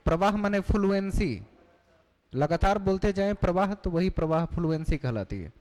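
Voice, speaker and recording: A man's voice: high-pitched, animated, moderate pace, a little mellow. A male teacher giving a classroom lecture, explaining terms and putting questions to the class. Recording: long hall reverb.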